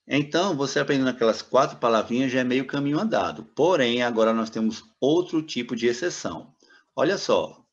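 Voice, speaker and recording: A man teaching English grammar, patiently repeating example words and asking the viewer rhetorical questions. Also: mid-range voice. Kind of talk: classroom explanation of grammar. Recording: dull, slightly lo-fi sound.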